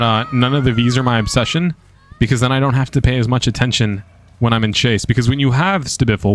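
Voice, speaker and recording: A man streaming a video game and commentating live, casual and excitable, swearing freely. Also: medium pitch.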